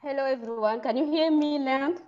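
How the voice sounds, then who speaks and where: A woman from Senegal with a Senegalese accent, introducing herself politely and haltingly in an online meeting. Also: high-pitched, a little mellow. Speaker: webinar participant. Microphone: video call. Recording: dull, lo-fi online call.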